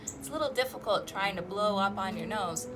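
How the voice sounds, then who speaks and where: A woman's voice: mid-range voice, a little fast, heavy background noise. A woman hosting an interactive storytime, reading aloud to young children with singsong emphasis and inviting them to join in. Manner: asks listeners questions and invites them to join in.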